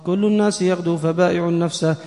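A man, a student, reads a text aloud to his teacher in a quick, half-chanted recitation. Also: high voice, soft background music. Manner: fast, flat, half-chanted reading. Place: mosque. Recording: echoey mosque hall.

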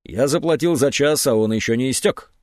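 A man voicing a calm, cunning man posing as a psychiatric patient in an audiobook. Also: medium pitch, a little fast, no echo, studio quality, natural voice. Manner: calm, unruffled.

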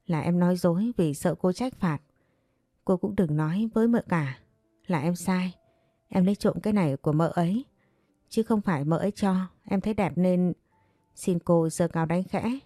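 A woman's voice: lowish voice, normal speed, warm tone, no room sound, clean studio sound, soft background music, lightly acted. A woman voicing a timid young servant girl who answers humbly and begs forgiveness. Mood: pleading. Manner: meek, pleading, deferential.

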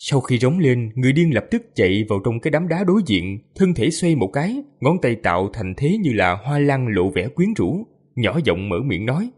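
A man narrating a fantasy audiobook with an expressive, lively delivery. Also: mid-range voice, moderate pace, hardly any pauses, breathy edge. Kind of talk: storytelling narration.

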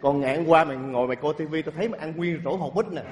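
A man's voice: fairly high pitch, racing. A man with a Southern Vietnamese accent doing an improvised comedy skit, dramatic, whiny and campy. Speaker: comedy performer. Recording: loud crowd and noise in reverberant hall.

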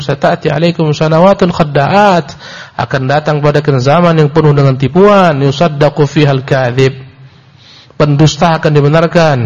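A male preacher giving a sermon-style book lecture, reciting Arabic and explaining it in Indonesian, emphatic and repetitive, rising sharply for emphasis. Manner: emphatic, rises sharply in pitch for emphasis, repeats phrases. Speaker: Islamic preacher. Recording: dull lo-fi lecture recording.

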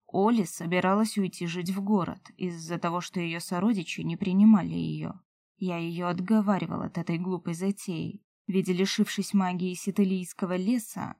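A woman reading an audiobook voices a young male elf lover who pleads softly and earnestly. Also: fairly low pitch, creaky, dry recording.

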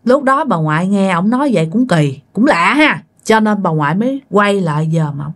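A woman's voice: medium pitch, animated, moderate pace. A woman narrating a ghost story for her channel, chatty and colloquial, often speaking straight to her listeners.

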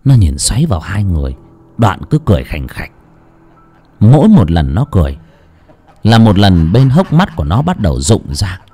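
Expressive man narrating. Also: low-pitched, normal speed, long pauses, slightly rough. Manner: dramatic, expressive. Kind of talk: audiobook horror story narration. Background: faint music.

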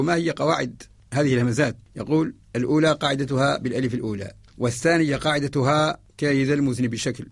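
A man's voice: mid-range voice, vocal fry, breathy edge, no echo, studio quality. A man giving a methodical radio lesson, chanting verse lines and then explaining them through example questions to an imagined student. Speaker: Quran spelling teacher.

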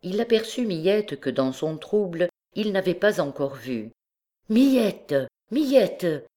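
A woman narrating a classic novel as an audiobook, with measured, expressive storytelling. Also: lowish voice.

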